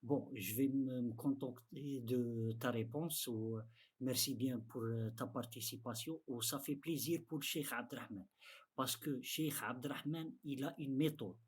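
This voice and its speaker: A man with an Arabic accent teaches a religious lesson in halting, non-native French. His delivery is slow and his mid-pitched voice has a husky grain. He often repeats phrases as he interprets the lesson for beginners.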